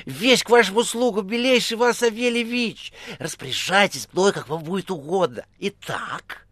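A gushing, servile little assistant who rattles on through the receiver in a shrill, bright voice with wildly leaping pitch. Every phrase drips with over-the-top politeness. The recording is close and dry. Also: male voice, moderate pace, no echo. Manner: effusive, gushing, crackling patter. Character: fawning chattering male assistant on the phone.

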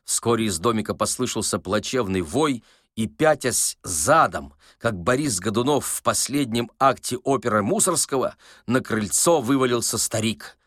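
Expressive male audiobook narrator. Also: mid-range voice, moderate pace, dry recording, clean studio sound. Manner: lively, expressive storytelling.

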